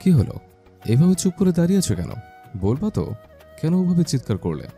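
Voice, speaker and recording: A deep, very dark-toned bossy husband who barks orders and mocks,. His pitch swings widely as he teases and threatens. Soft music runs under the audio drama. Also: big pitch swings, normal speed, vocal fry. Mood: teasing. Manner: commanding, scolding, mocking. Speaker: domineering husband. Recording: faint background music.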